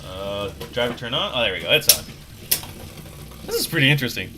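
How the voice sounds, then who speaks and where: Hosting a relaxed livestream Q&A on his YouTube channel, a middle-aged Salvadoran man talks at a medium pitch, sing-song and fairly quick. He rambles and keeps restarting words, and the recording is very noisy, with music behind him.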